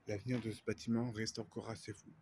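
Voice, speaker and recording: A man narrates an exploration vlog in a quiet, hushed night-time manner, often slipping toward a whisper. His voice sits fairly low with plenty of fry. Faint noise runs behind him on the handheld recording. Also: level tone, quick pace. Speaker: urbex explorer filming for viewers. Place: inside a dark abandoned building.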